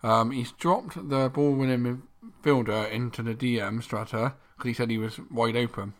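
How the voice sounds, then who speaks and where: A man's voice: medium pitch, fairly even intonation, normal speed. A man co-hosting a podcast, chatting casually with dry humour and many ums. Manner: dry humour, filler-heavy. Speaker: podcast co-host. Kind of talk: casual chat.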